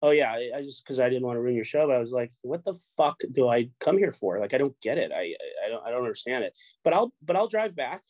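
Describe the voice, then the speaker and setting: This middle-aged man from Chicago runs a poker show and chats as a guest, speaking at medium pitch, quick and expressive, with a slightly mellow quality. He rambles, repeats himself and swears freely. No echo is present.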